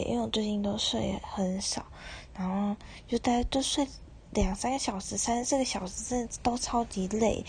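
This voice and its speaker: Taiwanese girl in her 20s rambling about her day, lots of fillers, kinda whispery, medium pitch. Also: a little mellow, a little hiss or hum. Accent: Taiwanese Mandarin. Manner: chatty, rambling, often drops to a breathy near-whisper. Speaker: university student podcaster. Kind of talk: casual storytelling.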